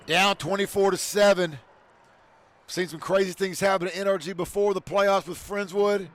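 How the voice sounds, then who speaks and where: A man calling high school football play-by-play, shouting on big plays. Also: fairly even intonation, normal speed. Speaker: play-by-play announcer.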